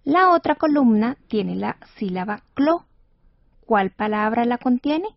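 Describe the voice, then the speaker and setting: Patient woman radio teacher, slightly high voice. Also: expressive, measured pace, no room sound. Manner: patient, clear, encouraging. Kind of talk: scripted educational radio lesson. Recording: dull dry studio radio recording.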